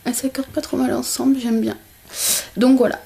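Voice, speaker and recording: A woman's voice: on the high side, flat delivery, brisk, vocal fry, dark tone. A young woman chatting casually in a makeup haul vlog at home by a window, with many hesitations. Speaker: beauty vlogger.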